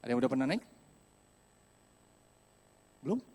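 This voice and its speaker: Animated man preaching a story. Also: mid-range voice, normal speed. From Indonesia. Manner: animated storytelling, acts out voices, addresses congregation directly. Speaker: pastor. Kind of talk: sermon with personal story. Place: church hall.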